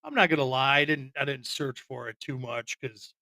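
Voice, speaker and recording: A man co-hosts a podcast, chatting about films in a rambling, informal and opinionated way. His mid-range voice is creaky, bright and forceful, at a normal speed, and the recording is dry.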